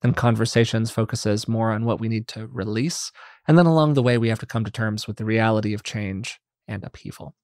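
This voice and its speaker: A man's voice: lowish voice, fairly even intonation, brisk, dry recording, studio quality. A man hosting a podcast, thoughtfully framing a guest's work and asking her to share her story. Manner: thoughtful, warm-up framing with tag questions. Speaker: podcast host. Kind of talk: interview introduction.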